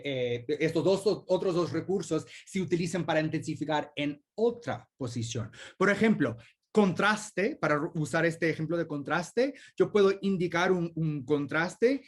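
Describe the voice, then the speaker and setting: A man's voice: a little high, breathy edge. A man, the guest speaker, answering audience questions in an academic discussion over a video call and explaining thoughtfully with many examples.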